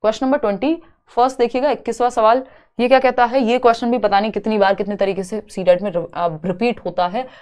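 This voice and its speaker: With a slightly high, steady, darkish voice, a young woman leads an exam-prep lecture. Each English question is read out slowly before she walks through it step by step, posing questions to herself and then answering them.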